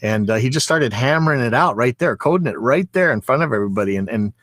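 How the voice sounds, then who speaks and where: A man with a medium-pitched voice tells stories in a casual chat. He rambles along, circling back over his phrases. The sound is dry, with very little room in it. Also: animated, fast, a bit bright, dry recording. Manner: rambling, repeats phrases as he goes. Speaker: recording engineer. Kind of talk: casual chat, anecdotal storytelling.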